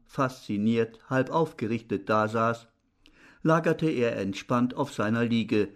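Measured male audiobook narrator. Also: medium pitch. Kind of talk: scripted narration.

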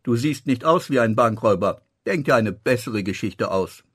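A man's voice: mid-range voice, animated, normal speed, husky, dry recording, studio quality. A man voicing a nosy, paunchy male innkeeper who teases and pries in an audiobook. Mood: doubting. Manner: teasing, mock-indignant.

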